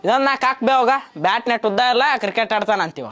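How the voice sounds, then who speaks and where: A man's voice: high-pitched, lively intonation, racing, a bit bright. A young man playing a wheedling, defensive younger brother. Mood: sulky. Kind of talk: village short-film acting.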